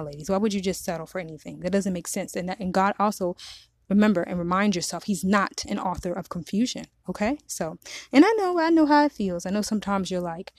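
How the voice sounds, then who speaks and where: A woman's voice: on the low side, a little mellow, dry recording. Earnest woman giving faith-based encouragement. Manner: earnest, encouraging, addresses listeners as ladies; repeats phrases, frequent fillers and self-corrections. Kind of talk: casual faith-based advice talk.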